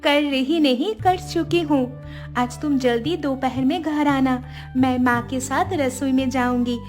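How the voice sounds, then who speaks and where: A woman voicing a young daughter-in-law in a cartoon, shrill and pleading. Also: a little slow, a little mellow, soft background music. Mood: cheerful. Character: young daughter-in-law Mala, defiant then tearful. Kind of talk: cartoon voice acting.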